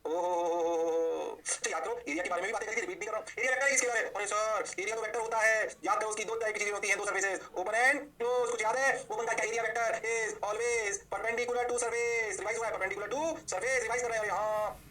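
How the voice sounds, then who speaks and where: A man lectures on physics at a breakneck clip, his voice pitched high and sharply bright. He slips English terms into his Hindi and banters back as his own imagined student. He records in a quiet studio. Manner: rapid, animated, mixing English terms into Hindi; answers himself in a student's voice. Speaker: physics teacher.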